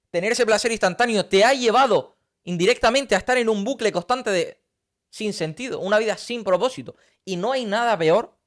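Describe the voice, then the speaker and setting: A man, giving an intense, preachy motivational talk straight to camera and piling up rhetorical questions. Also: high voice. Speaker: motivational coach. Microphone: talking straight to camera.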